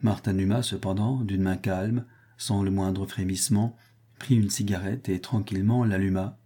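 A man reading a French novel aloud as an audiobook narrator, steady and literary. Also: sits low, normal speed. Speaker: audiobook reader.

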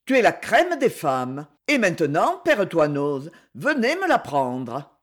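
A man's voice: a little high, wildly swooping pitch, takes it slowly, a bit bright, heavily acted. A man voicing a nonchalant, teasing young husband in a storybook reading, phlegmatic and mocking.

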